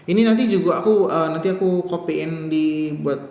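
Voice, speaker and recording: Guy teaching basic mandarin, counts strokes out slow, kinda high voice, echoey room. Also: darkish tone. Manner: counts character strokes aloud slowly, casual asides. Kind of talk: online language lesson.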